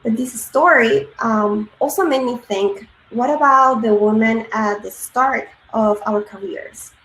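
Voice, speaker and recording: Woman from Peru, 30s, fairly high voice, conference talk, lots of ums, echoey room, faint hiss. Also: measured pace, a bit bright. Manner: frequent ums and uhs, earnest. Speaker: conference speaker. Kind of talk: presentation talk.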